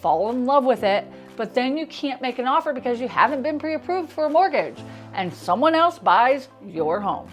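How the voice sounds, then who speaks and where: A woman with an American accent speaks in a fairly high voice, with a noticeable lisp that whistles on her s sounds. She delivers a scripted explainer as a realtor hosting her own video, over background music.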